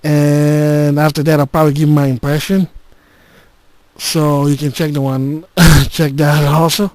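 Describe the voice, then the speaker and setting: Man, dictaphone-like recording on a handheld console's built-in recorder, close and dry, fairly high voice, halting delivery with restarts. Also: little pitch movement, darkish tone, no room sound. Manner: halting, with frequent restarts and filler words. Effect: recorded on a handheld game console's voice recorder, dictaphone-like. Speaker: gaming channel host. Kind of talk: casual spoken update. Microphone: handheld game console's built-in recorder.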